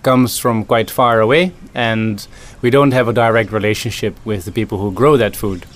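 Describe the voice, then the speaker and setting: A man's voice: lowish voice, fairly even intonation, normal speed. A man from the Netherlands, a food system consultant answering interview questions thoughtfully, with many ums and restarts.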